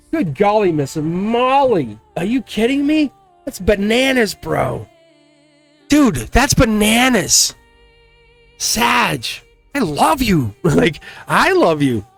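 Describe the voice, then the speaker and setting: Male tarot host, middle-aged, Boston accent. Very lively intonation, slangy and exclamatory, dry close sound with faint music. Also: high-pitched, gravelly, no room sound. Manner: exclamatory, slangy, addresses viewers directly. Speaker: tarot reader and channel host. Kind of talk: casual, rambling zodiac tarot reading to viewers.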